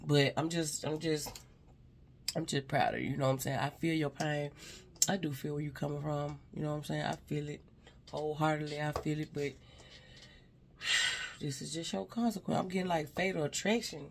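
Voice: mid-range voice, moderate pace, gravelly, long pauses, slight background noise. A spiritual advisor gives a casual, rambling reading to viewers. The speaker keeps repeating "you know what I'm saying," addresses an unseen person directly and sighs between thoughts.

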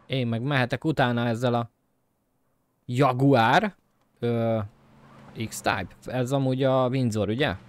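A man talking his viewers through a game in loose, casual commentary. He jokes to himself and to the audience, swears now and then, and keeps bursting into high, loud shouts when things go wrong. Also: fairly even intonation, pauses often. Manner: jokey self-talk to viewers. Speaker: gameplay commentator. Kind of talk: casual let's-play commentary.

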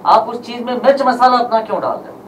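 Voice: mid-range voice, fast. A speaker at a press conference, firing rhetorical, accusing questions at filmmakers. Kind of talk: impassioned press statement. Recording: distant mic with faint background noise.

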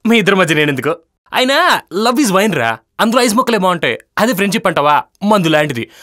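An actor playing a teasing, wisecracking young bachelor in a comedy web series. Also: male voice, sits high, big pitch swings, fast talker, sharp tone, no echo, clean studio sound, exaggerated voice. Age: young adult. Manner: teasing, philosophizing friend. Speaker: bachelor roommate.

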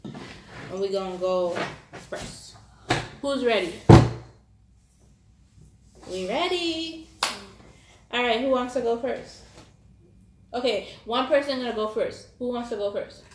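A woman's voice: on the high side, lively intonation, slow pace, long pauses. Young lady hosting a casual challenge vid, takes her time, noisy echoey room. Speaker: host of a family challenge video. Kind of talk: casual playful chat. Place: home dining room, indoors. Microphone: camera across the table. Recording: echoey room with background noise.

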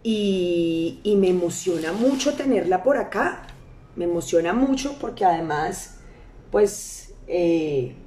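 A woman's voice: lowish voice, animated, slow, warm tone, echoey room, a little hiss or hum. A woman hosting a live interview, introducing her guest with enthusiasm. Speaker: host.

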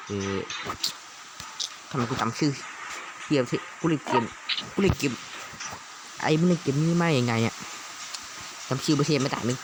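A young man casually commentating a strategy game, excitable and swearing at times. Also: mid-range voice. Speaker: gaming YouTuber. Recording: loud background noise.

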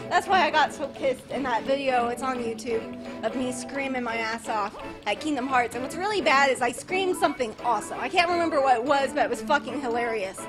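High-pitched young woman streaming a game, rambling and fed up, voice kinda worn out, game music clear behind her. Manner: chatty, rambling and exasperated, bursting into shouting. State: voice worn from screaming. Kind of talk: live gameplay commentary.

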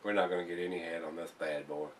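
A man's voice: low-pitched, level tone, fast talker, distant mic, slight background noise. Chatty older man reviewing beer. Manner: chatty, rambling with fillers and restarts. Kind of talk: casual beer review to camera. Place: home bar room, indoors.

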